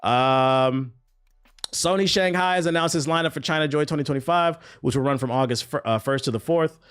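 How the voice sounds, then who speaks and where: A man's voice: on the high side, a little fast, clear, resonant tone. A young man riffing casually on gaming news during a live stream, mocking and profane, with bursts of laughter between comments. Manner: animated, profane, mocking banter.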